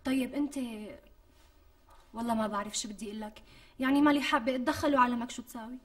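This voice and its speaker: An actress playing a pampered, demanding young pregnant wife with a Syrian Damascene accent, wheedling and quick to take offence. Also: female voice, on the high side, fairly even intonation, lightly acted. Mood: insistent. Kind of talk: TV sketch acting. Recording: distant mic with faint music.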